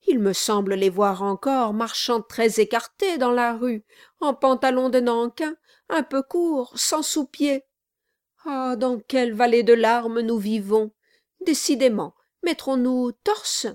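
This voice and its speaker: A woman voicing a sly, obsequious male lawyer who gushes flattery in an unctuous manner, in a dry recording. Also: fairly high pitch, slow pace, no echo. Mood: fawning.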